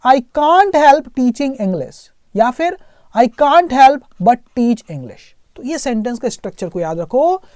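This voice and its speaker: A man's voice: very high voice, a little mellow, no echo, clean studio sound. A man teaching English, explaining a story phrase by phrase, repeating himself and often checking in with the listener. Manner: repetitive, keeps checking in with "है ना?"; translates phrase by phrase, spells words out.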